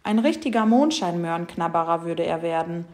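A woman reading a children's story aloud with lively, expressive storytelling. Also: lowish voice, normal speed. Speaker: storybook reader.

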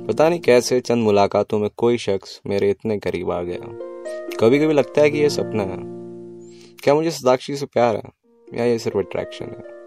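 A young man tells a first-person love story in a wistful, reflective way. His voice sits low and has a gravelly fry, with faint music underneath. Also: darkish tone. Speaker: narrator.

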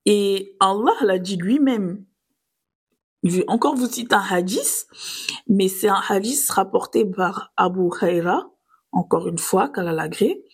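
A woman hosts her own podcast alone, talking in an earnest, reflective way. Her voice is soft and breathy, with a middle pitch. She pauses on small fillers as she works through her thoughts. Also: lively intonation. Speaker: podcast host. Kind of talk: solo religious reflection podcast.

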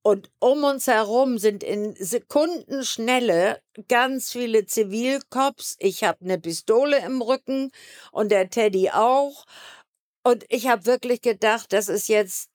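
A woman's voice: mid-range voice, animated, measured pace, dry recording, clean studio sound. A woman as a podcast guest, telling her own story candidly and emotionally, with restarts. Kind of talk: personal storytelling.

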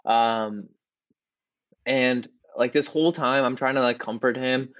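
A young man co-hosting a podcast, telling a story in a casual, excitable way with lots of "like" and restarts. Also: medium pitch, a little slow, no echo, dull audio. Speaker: podcast co-host.

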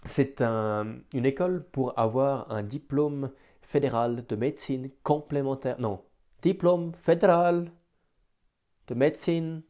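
A man improvising a solo podcast, hesitant and self-deprecating as he thinks aloud, with careful, deliberate articulation. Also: mid-range voice, warm tone. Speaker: amateur podcast host.

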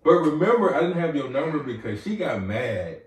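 A man's voice: mid-range voice, sing-song, normal speed. A man hosting a podcast in casual chat, loose, slangy and joking with his guest. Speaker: podcast host. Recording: roomy, distant mic, faint ambience.

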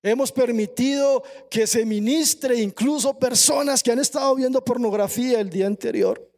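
A man preaching a sermon to a congregation, emphatic, slowing down for scripture and asking the listeners questions. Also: extremely high pitch, darkish tone. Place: church service.

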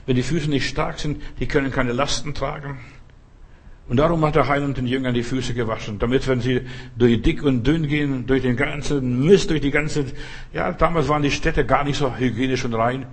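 A man's voice: medium pitch, fairly even intonation, normal speed, slightly rough. A man preaching a provocative, conversational sermon, often asking his listeners whether they understand.

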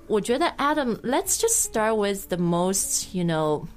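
A woman from Shanghai hosting a bilingual language-lesson podcast, chatty and quick to laugh as she switches between two languages. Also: mid-range voice, very animated. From Shanghai, China. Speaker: podcast host, English teacher.

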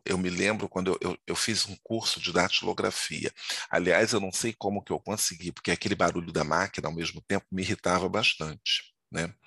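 A man's voice: deep voice, creaky, sharp tone, slightly rough, no echo. An older man with a Brazilian Portuguese accent, giving a casual grammar lesson in a chatty, digressive way that keeps asking for agreement. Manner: chatty, digressive, frequent tag questions. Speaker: Portuguese teacher.

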